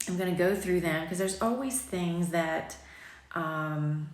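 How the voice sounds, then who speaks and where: A boutique owner in her forties vlogs from her sunny home kitchen, holding a phone camera at arm's length. Her low voice carries a slight morning rasp, and she takes it slowly, chatting, rambling, and poking fun at herself with frequent ums. The room adds a noticeable echo.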